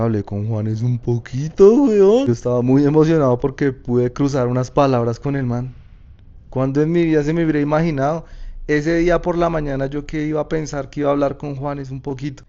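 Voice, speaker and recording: Man, Paisa Colombian accent, slangy casual storytelling, mellow dark voice, slightly dull lo-fi sound. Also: medium pitch, a little fast. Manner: casual, slangy, animated retelling. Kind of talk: personal storytelling.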